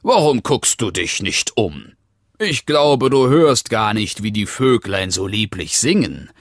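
A man's voice: on the low side, animated, a little slow, no echo, studio quality. A man voicing a sly, scheming male wolf in a storybook reading, with a coaxing, wheedling manner. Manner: wheedling, coaxing, sometimes hushed whisper.

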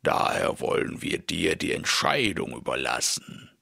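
A man voicing a pair of quarrelling male giants in a fairy tale, speaking slowly and heavily. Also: rumbling low, sing-song, creaky, pushed and bright, dry recording, studio quality, exaggerated voice. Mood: plodding. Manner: slow, heavy, drawn-out delivery. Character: two slow, lumbering male giants quarrelling.

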